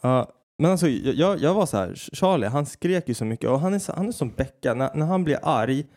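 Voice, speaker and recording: A man in his thirties chatting casually as a podcast co-host, telling rambling, animated stories and swearing freely. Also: a little high. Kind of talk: casual chat.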